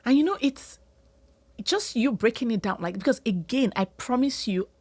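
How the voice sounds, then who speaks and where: A woman's voice: a little high, animated, normal speed, a little mellow, dry recording. A woman hosting a podcast interview, chatty and casual, with lots of "you know" and "like". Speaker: podcast host.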